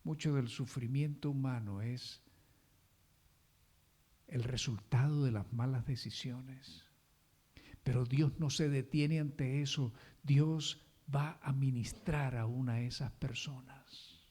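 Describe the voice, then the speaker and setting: A man's voice: mid-range voice, steady tone, slow, mellow, husky. A male pastor preaching a sermon, asking the congregation questions and answering them himself, with emphatic stress on key words.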